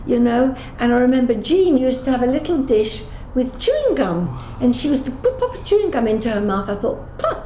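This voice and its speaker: A little high, very animated and a little fast, this mellow woman's voice leaves few pauses. An Englishwoman in her eighties, she gives Holocaust testimony in an unscripted interview, telling stories with self-corrections and performed dialogue, in an echoey room with clear background noise.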